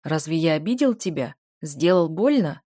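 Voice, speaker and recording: A woman voicing a calm, possessive man who speaks in a level, unruffled way. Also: deep voice, normal speed, no echo, studio quality. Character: calm possessive adult man, firm lover.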